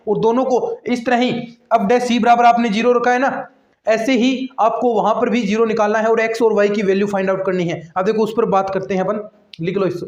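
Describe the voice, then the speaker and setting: A high-pitched male maths teacher walks his online students through a method step by step, often repeating himself. His voice rings in an echoey room on a dull, lo-fi recording. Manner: repetitive step-by-step explaining, addressing students directly. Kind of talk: online exam-prep lecture.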